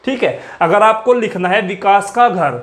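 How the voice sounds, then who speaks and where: A man gives an English grammar lesson in a classroom, repetitively asking questions and answering them himself, repeating key words and dropping his voice on the answers. His voice sits high and is expressive, at a moderate pace.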